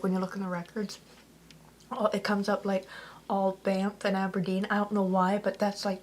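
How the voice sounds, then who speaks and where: A woman vlogging in a casual, rambling way, peppering her talk with "like" and correcting herself as she goes. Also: medium pitch. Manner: chatty, lots of "like", self-correcting.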